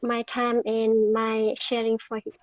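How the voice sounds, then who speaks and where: A woman who is a beginner English learner, answering practice speaking questions and searching for words with long pauses. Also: a little high, completely flat delivery, no room sound, lo-fi sound.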